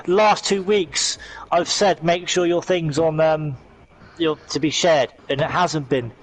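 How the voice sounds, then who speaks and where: A man's voice: a little high, steady tone, slow, rough recording. A man hosting a league stream in casual, matey, informal chat.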